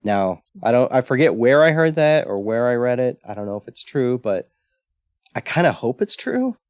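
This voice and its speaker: A man's voice: mid-range voice, very animated, normal speed, darkish tone, clear, resonant tone, no echo. Easygoing man with a dry close sound. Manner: easygoing, stumbling over words. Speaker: podcast co-host. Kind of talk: casual chat.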